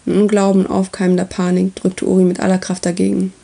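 A woman reading a story aloud as its narrator, with steady, even delivery. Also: mid-range voice, fast, creaky, husky.

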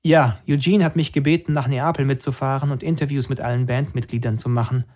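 A man's voice: mid-range voice, steady tone, a little fast, a little mellow, natural voice. A man reading an audiobook, voicing a cool, blunt young woman singer in a dry, matter-of-fact way.

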